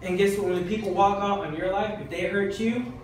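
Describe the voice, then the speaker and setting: A man's voice: high-pitched, fairly even intonation, fairly quick, background noise. A man preaching a sermon, exhorting his listeners with insistent repetition. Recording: very echoey church hall from far off.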